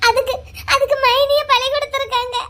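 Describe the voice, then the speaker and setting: A tearful young wife in a cartoon drama, played by a woman. Her voice is very high, and she pleads softly as she pours out her troubles. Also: level tone, brisk. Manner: pleading, pouring out her grievances. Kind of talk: cartoon voice acting.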